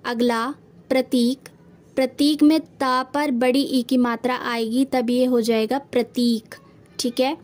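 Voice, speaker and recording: A woman with a high-pitched voice teaches a Hindi spelling lesson. She explains each word patiently and step by step, talking to her students as children. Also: level tone, unhurried.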